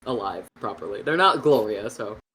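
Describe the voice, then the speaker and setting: A woman playing a tabletop game, making deadpan asides. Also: a bass voice, moderate pace, a little hiss or hum. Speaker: player.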